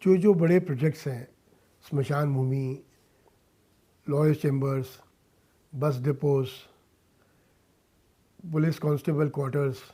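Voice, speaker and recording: An earnest radio interview features a mature guest, a social-cause filmmaker and philanthropist, whose slightly high, mellow voice carries some huskiness. He keeps his phrases short, deliberate and emphatic, speaks respectfully, and mixes in a bit of English.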